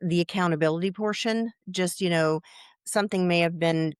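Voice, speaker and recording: A woman in her sixties, interviewed as a client, talking in a halting way with many fillers and restarts. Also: fairly low pitch, clean tone, no room sound, studio quality. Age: 60s. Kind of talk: casual interview.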